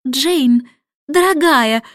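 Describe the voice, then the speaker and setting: A woman doing a young boy, wheedling and high. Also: a little slow, darkish tone, no room sound, studio quality. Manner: wheedling, then pleading. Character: young boy, mischievous and pleading.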